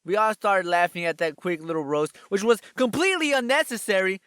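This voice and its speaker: A young man telling a comic personal story in an animated, sarcastic way. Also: fairly quick, clean tone, no echo, clean studio sound. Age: young adult. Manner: animated, sarcastic, jumps in pitch for emphasis. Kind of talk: comedic storytime narration.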